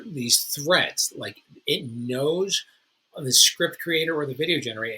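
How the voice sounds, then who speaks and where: Man, husky, very bright tone, realtor host, casual tutorial, chatty and informal. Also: medium pitch, low-quality recording. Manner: informal, chatty, self-correcting. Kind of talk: casual how-to talk to fellow agents.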